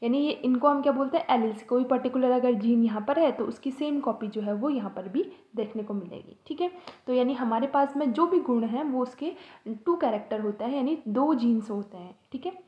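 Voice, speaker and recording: A woman's voice: fairly high pitch, brisk. A woman teaching a biology lesson for exam students, asking rhetorical questions and checking in with her listeners often. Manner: explains with rhetorical questions, checks in with "theek hai". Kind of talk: exam-prep biology lecture. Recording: echoey room, dull lo-fi sound.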